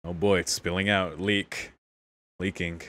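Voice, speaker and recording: A man's voice: sits low, flat delivery, a little slow, sharp tone. A young man hosting a casual anime reaction, exclaiming candidly, often laughing and swearing. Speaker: anime reaction channel host.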